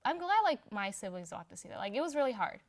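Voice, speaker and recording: A woman's voice: a little high, sing-song, quick pace, loud music behind the voice. A young woman from Somalia in a casual personal interview, talking in a chatty, unpolished way with lots of filler words. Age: young adult. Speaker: interviewee in a community profile.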